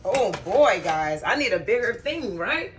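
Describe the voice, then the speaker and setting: A woman's voice: medium pitch, very animated, a little slow, a little hiss or hum. A woman cooking at home and chatting casually to her viewers, often calling them guys and y'all as she works. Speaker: cooking vlogger. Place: home kitchen.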